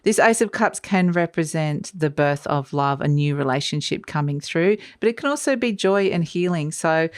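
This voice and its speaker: A woman's voice: low-pitched, lively intonation, moderate pace, hardly any pauses. A woman giving an unscripted, mystical horoscope tarot reading, musing conversationally as she explains and rephrases each idea. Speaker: tarot card reader.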